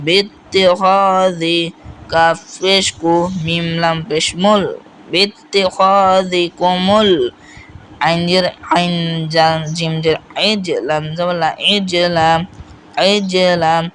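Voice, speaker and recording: A man teaching Quran recitation, spelling out letters and vowel marks, then reciting each word slowly and repeating it. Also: fairly high pitch, level tone, fairly bright tone, a little hiss or hum, poor audio. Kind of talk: step-by-step recitation lesson.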